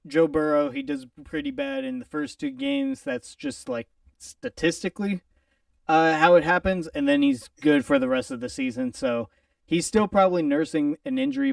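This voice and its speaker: A man co-hosting a casual football prediction chat, playful and theatrical, swinging from loud outbursts to mutters. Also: high voice, gravelly, no room sound, recorded from a distance. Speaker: podcast co-host.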